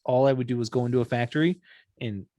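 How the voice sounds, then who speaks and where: A young man from Wisconsin chats casually on a podcast, full of joking banter and teasing. His voice sits at an ordinary pitch. The sound is dry and close, with no room echo. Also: steady tone, quick pace, warm tone. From Wisconsin, USA. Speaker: podcast co-host. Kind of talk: casual chat.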